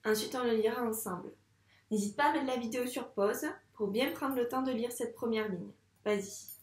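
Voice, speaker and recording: A woman's voice: fairly high pitch, moderate pace, reverberant. A woman with a French accent teaching a reading lesson to young children, speaking patiently and encouragingly, drawing out each sound. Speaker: primary school teacher. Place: classroom.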